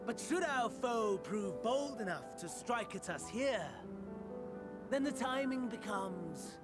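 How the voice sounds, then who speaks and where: A man playing a scheming, courtly game villain, mocking and morbidly delighted, with mannered formal phrasing and dramatic pauses. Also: very high voice, expressive, music in the background, exaggerated voice. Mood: measured scheming. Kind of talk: dramatic video game voice acting.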